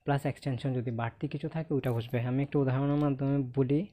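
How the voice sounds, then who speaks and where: A man's voice: mid-range voice, steady tone, very fast, noisy background. A man with a Bangladeshi accent teaching English grammar in an online lesson. He asks the class questions, answers them himself, and keeps checking with "okay?". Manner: ends points with a checking "okay?".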